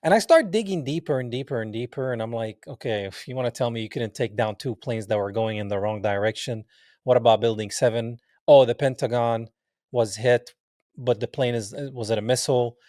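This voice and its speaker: Brisk and animated, a forties-aged man from Palestine whose first language is Arabic recounts stories during a casual interview, voicing the dialogue himself and laughing frequently. His pitch is medium, and the clean studio audio has no echo.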